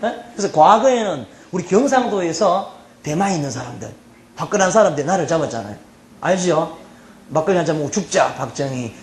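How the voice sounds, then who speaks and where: A middle-aged man from South Korea's Gyeongsang region, speaking with a Gyeongsang accent in a high voice, gives a funny university lecture. He's chatty and teasing, often checking on students with quick asides like "예?" and "어?". The lecture hall sounds roomy, with faint background noise.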